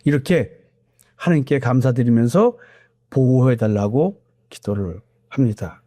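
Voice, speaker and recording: A middle-aged man preaching a sermon as pastor, earnest and emphatic, slowing down to stress key words. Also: medium pitch, dark tone, no room sound, clean studio sound.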